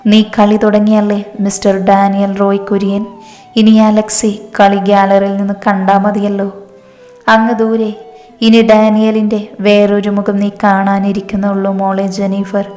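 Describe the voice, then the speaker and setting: A woman voicing a smug, scheming young man in a storybook reading, speaking slowly and gloatingly. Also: mid-range voice, monotone, mellow, natural voice. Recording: echoey room, long reverb, faint music.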